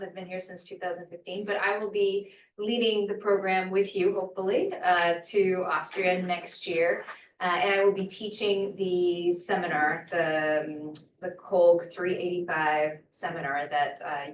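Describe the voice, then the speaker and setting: A woman from Portugal who is a French professor introduces herself at an info session, chatty and hesitant with fillers. Her voice is lowish, with slight background noise, an echoey room and a distant mic.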